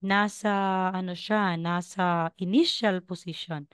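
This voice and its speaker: A woman's voice: on the low side, fairly even intonation, slow, fairly bright tone, clean tone, no room sound, clean studio sound. A woman from the Philippines teaching Korean over a video call, patiently coaching students and repeating sounds. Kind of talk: online class teaching.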